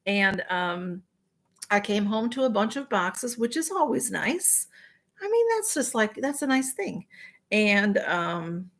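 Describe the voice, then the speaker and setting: This livestream host is a weary middle-aged woman whose voice sits a little high with a slightly bright tone. She talks casually to the people watching live, wandering off-topic, using fillers, and saying hello to viewers by name.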